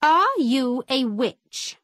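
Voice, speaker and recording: Woman reading stern man judge, slow questions, dry, storybook. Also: sits high, sing-song, a bit bright, no room sound, full character voice. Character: stern important male judge.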